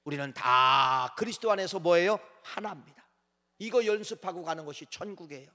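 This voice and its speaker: A male pastor preaching a sermon to his congregation, animated and direct, swinging between raised declarations and quiet asides. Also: sits high, fairly quick. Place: church sanctuary. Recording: church sanctuary with long reverb.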